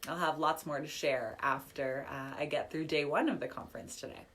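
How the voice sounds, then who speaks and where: A woman's voice: low voice, steady tone, normal speed, a bit bright, a little hiss or hum. A woman in her thirties, a business coach, running a live online workshop in a chatty, upbeat way with lots of fillers, her voice a little worn. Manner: chatty, upbeat, filler-heavy, reading chat comments aloud. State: slightly losing her voice. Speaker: business coach and podcast host.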